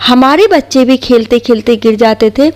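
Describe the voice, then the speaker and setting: A woman reading as a quiet, mild old father. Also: a little high, moderate pace, close to an everyday voice. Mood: calm. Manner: calm and mild.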